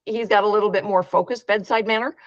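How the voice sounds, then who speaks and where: A woman's voice: mid-range voice, fairly even intonation, fast, no echo. A woman running an inventors' meetup, talking frankly in casual chat, with lots of fillers and restarts. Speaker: meetup organizer. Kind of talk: casual video-call chat. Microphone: video call. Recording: dry, dull video-call audio.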